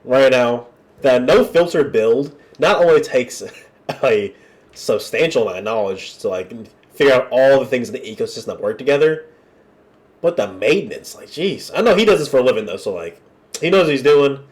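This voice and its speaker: A man's voice: medium pitch, lively intonation, normal speed, darkish tone. A man with a congested, nasal voice from being under the weather, chatting casually to viewers as he hosts a reaction video. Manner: colloquial, chatty, addressing viewers as y'all. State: under the weather with a cold, wearing a nose strip.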